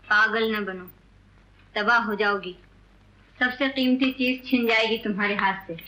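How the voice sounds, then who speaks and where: An actress playing a brisk, scolding lady of the house in a 1940s film. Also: medium pitch, fairly even intonation, bright, forceful tone, poor audio.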